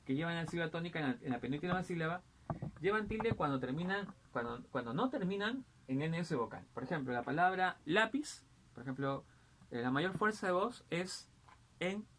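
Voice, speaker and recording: A man's voice: a little high, lively intonation, moderate pace, fairly bright tone, a little hiss or hum. Man teaching, forever asking "¿correcto?". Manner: keeps asking "¿correcto?" and "¿no?", many "eh" and "este" fillers; addresses the student directly in a patient explaining tone. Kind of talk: school grammar lesson.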